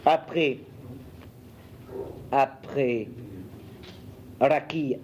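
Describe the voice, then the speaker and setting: Slow-speaking man teaching Hebrew. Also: medium pitch, fairly even intonation, darkish tone, slight background noise. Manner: slow, spells letters aloud, addresses students. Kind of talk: classroom lesson reading Hebrew.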